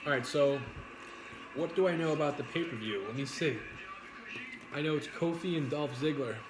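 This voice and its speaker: A man's voice: fairly high pitch, moderate pace. A man hosting a livestream, chatting casually in a rambling, playful way with some swearing. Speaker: host of a livestream mukbang. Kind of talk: casual chat while eating pizza, reading viewer comments. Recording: echoey room with background noise.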